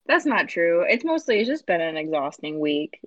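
Woman in her 20s, podcast guest, lowish pitch, deadpan and wry, dry recording. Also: normal speed, dry recording, lo-fi sound. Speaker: podcast guest, law student. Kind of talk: casual podcast chat.

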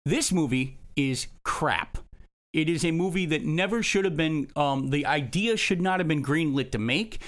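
A man's voice: a little high, animated, normal speed, a bit bright. A man co-hosting a film review discussion, delivering an emphatic, scathing and long-winded critique. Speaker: film review show co-host.

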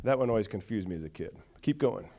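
A man's voice: on the low side, expressive, fast talker, mellow. A man preaching a sermon to a church, reading scripture with call-and-response and chatty asides. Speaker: pastor.

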